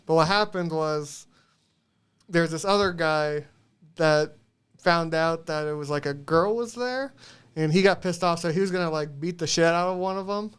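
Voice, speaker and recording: A man with a high, smooth and resonant voice rambles through a movie recap on a podcast. He swears freely and laughs at his own telling. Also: normal speed. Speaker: podcast co-host. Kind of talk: casual chat, recapping a movie.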